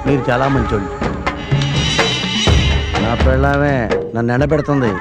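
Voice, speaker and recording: A man's voice: mid-range voice, fairly even intonation, normal speed, loud music behind the voice, close to an everyday voice. An actor playing a bossy middle-aged husband and local politician who nags and lectures his wife, in a film comedy scene. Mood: scolding. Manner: nagging, lecturing, mock-pleading. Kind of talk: Telugu film comedy acting. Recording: film soundtrack with background score.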